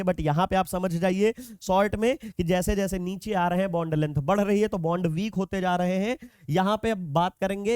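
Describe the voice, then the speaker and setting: A male chemistry teacher with a high, smooth, clear voice. He explains patiently and step by step, using everyday examples. He speaks straight to his students in a classroom-lecture manner. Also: a little mellow, no echo, studio quality. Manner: addresses students directly.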